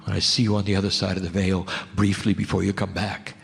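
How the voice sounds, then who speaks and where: Deep-voiced man preaching in a reverberant hall. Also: level tone, quick pace, gravelly, slight background noise. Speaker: spiritual channeler addressing a gathering. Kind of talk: channeled spiritual sermon. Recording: reverberant hall with music behind. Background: music.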